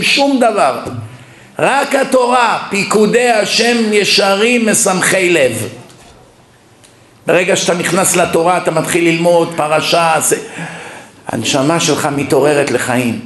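A man's voice: fairly high pitch, roomy sound. A rabbi preaching to a lecture audience, mixing humorous personal stories into his sermon. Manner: lively anecdotal preaching with humor. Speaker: rabbi giving a public lecture. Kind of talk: sermon with storytelling. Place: lecture hall.

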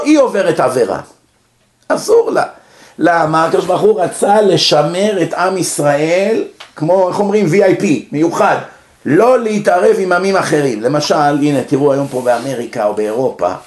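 Male Israeli-accented religious lecturer, voice a little high, explaining didactically with rhetorical questions, heard in a reverberant room. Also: darkish tone. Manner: didactic, asks and answers own questions. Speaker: rabbi giving a religious lecture. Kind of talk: informal Torah lecture to an audience. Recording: echoey room.

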